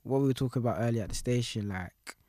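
A man's voice: medium pitch, fast, dark tone, no echo, studio quality. A young man with a London roadman accent talks casually in loose, slangy street language, often repeating his phrases. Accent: London roadman, Multicultural London English. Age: young adult. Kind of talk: casual conversation about music.

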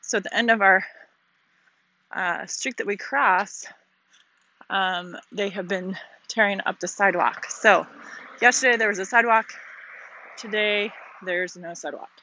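A woman's voice: medium pitch, a little slow, pauses often, bright, forceful tone, highs cut off, a little hiss or hum. A woman, an author and podcast host, chatting casually on a shaded outdoor walk, slightly out of breath and rambling with fillers and musing questions. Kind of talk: casual walking vlog. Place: outdoors on a shaded walking path.

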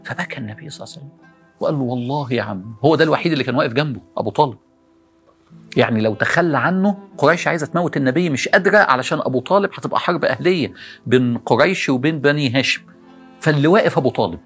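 Brief: Egyptian male preacher, quick delivery, animated rhetorical questions, faint music underneath. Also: a little high, breathy edge. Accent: Egyptian Arabic. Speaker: preacher addressing young people. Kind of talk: motivational religious talk.

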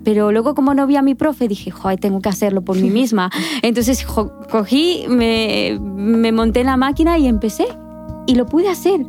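A woman from Guatemala, a guest on a casual podcast, speaking in a modest, soft-spoken way. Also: on the high side, moderate pace, soft background music. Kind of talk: casual chat.

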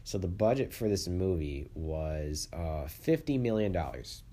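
Low-voiced man, congested and sniffly with flu. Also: very animated, unhurried, mellow. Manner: rambling, stammering, repeats words. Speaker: movie podcast host. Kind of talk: casual solo podcast commentary.

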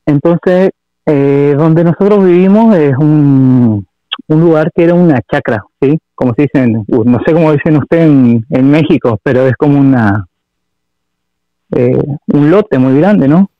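A man from Argentina with an Argentine Spanish accent, calling in to tell a personal story in a halting way, full of fillers and repeats. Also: a little high, no echo, phone-quality sound. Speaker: caller. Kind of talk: telling a personal story on a call-in show.

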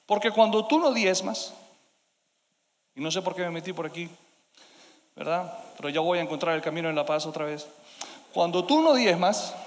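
Preacher guy, high voice, goes loud then hushed, long echoey hall. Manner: dynamic preaching, swinging between loud emphasis and hushed asides. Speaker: pastor. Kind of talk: sermon.

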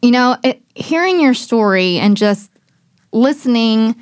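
A woman's voice: on the high side, lively intonation, unhurried, no echo, studio quality. A woman hosting a faith podcast, talking in an encouraging, affirming, conversational way. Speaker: podcast host. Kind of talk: casual faith podcast chat.

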